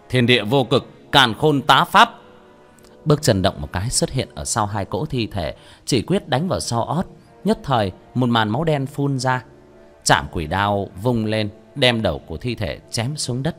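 A man narrating a fantasy novel as an audiobook, in steady storytelling that rises on action. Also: lowish voice.

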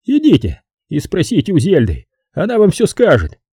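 A man's voice: high-pitched, wildly swooping pitch, moderate pace, mellow, husky, dry recording, studio quality, voice pushed up, heavily acted. A male audiobook narrator voicing a sulky, tired man who stubbornly pushes the problem onto someone else. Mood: grumbling. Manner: petulant and complaining.

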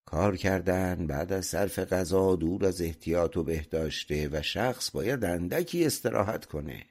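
A man voicing a clever young farmhand in a folk tale audiobook, speaking calmly and slyly. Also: deep voice.

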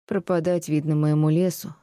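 A woman reading as a gruff, stubborn peasant man. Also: sits low, little pitch movement, moderate pace, dark tone, dry recording, clean studio sound, natural voice. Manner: curt, gruff retorts. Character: blunt male peasant, stubborn and resentful. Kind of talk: audiobook reading of classic prose.

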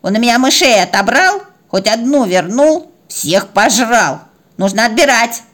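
Bossy female cat, self-important, lecturing and scolding, deliberate pace, done by a woman; storybook. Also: a little high, sing-song, fairly bright tone, pitched above the performer's own voice.

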